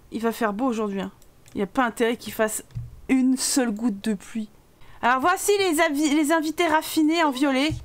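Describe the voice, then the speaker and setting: A young woman giving casual commentary while playing a life-sim game, animated and exclaiming, swearing when things go wrong. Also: high-pitched. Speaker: gaming YouTuber. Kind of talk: casual let's-play commentary.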